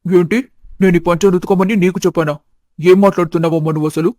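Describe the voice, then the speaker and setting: A woman voicing a stern elderly father-in-law in an animated story, lecturing in an indignant manner. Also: lowish voice, quick pace, no echo, pitched below the performer's own voice, close to an everyday voice.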